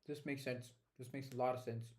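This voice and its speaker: A man's voice: mid-range voice, fairly even intonation, fairly quick, darkish tone. A young man streaming himself studying, thinking aloud and mumbling to himself as he works. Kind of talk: muttering while studying on stream.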